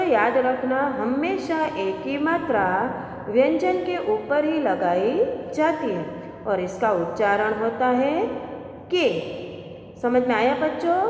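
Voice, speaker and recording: A woman teacher slowly walking young children through a school lesson, one letter at a time. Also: high voice, a little mellow, reverberant, in a large hall, slight background noise. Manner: slow, patient, drawn-out letter-by-letter explanation.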